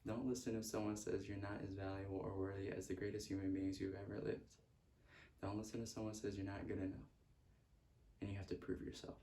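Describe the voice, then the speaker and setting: A man's voice: deep voice, monotone, fairly quick, warm tone, far from the mic, slight background noise. A man giving a motivational self-help talk, repeating earnest affirmations. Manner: earnest, repetitive affirmations with stray laughs. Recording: echoey room, speaker off-mic.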